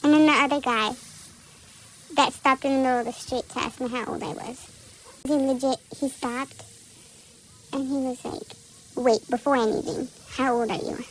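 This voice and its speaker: High-voiced blunt teen girl storyteller. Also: fairly even intonation, moderate pace, pauses often, a little hiss or hum, low-quality recording. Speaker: podcast co-host. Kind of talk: casual chat.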